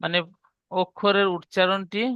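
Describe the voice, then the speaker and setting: Bengali guy teaching quran reading, bit high clear voice, goes over rules again and again. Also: flat delivery, normal speed, dry recording, muffled recording. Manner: explains step by step, has students repeat the rules aloud. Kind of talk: slow recitation lesson with repetition.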